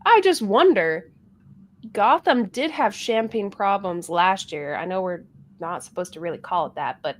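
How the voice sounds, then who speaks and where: A woman co-hosting a sports podcast, thoughtful and quick to laugh, on a video call. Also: medium pitch, expressive. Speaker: co-host, soccer analyst.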